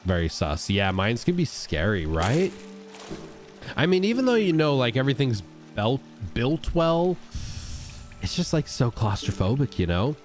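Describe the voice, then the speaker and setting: A man's voice: unhurried, soft background music. A man streaming a video game, chatting casually and rambling while he greets and answers his viewers. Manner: animated, jumps into high excited outbursts. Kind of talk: casual live-stream gameplay chat.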